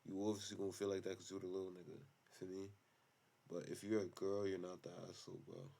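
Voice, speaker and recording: Streamer type, man, low voice, blunt slangy profane reactions. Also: level tone, fast talker, creaky, dark tone. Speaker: streamer reacting to online stories. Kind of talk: casual reaction commentary.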